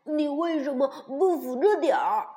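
A woman voicing a clumsy, eager young male frog in a storybook, with loud, excitable exclamations. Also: sits high, slow. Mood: excited.

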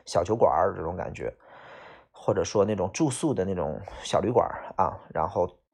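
A man's voice: low-pitched, lively intonation, normal speed, gravelly, darkish tone, slightly rough. A man teaching English vocabulary, explaining each word casually with fillers and heavy speech. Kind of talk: vocabulary lesson.

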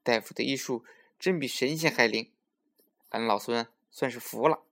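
A man's voice: medium pitch, normal speed, vocal fry, fairly bright tone. A man voicing a boastful male monkey king in a children's story, bold and hearty.

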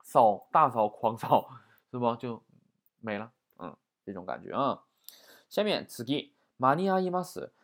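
A man's voice: mid-range voice, sing-song, measured pace. A man teaching a vocabulary lesson in a chatty way, often asking "right?". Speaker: Japanese language teacher.

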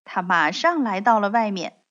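A woman reading a children's storybook aloud in a slow, gentle way, speaking to the children. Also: mid-range voice, very animated. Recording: dull lo-fi recording.

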